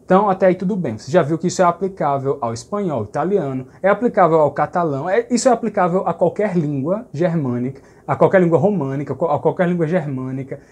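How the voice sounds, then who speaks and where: A man with a Brazilian Portuguese accent teaching a language lesson, explaining patiently and slowing down to say example phrases. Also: on the high side, expressive, darkish tone, breathy edge.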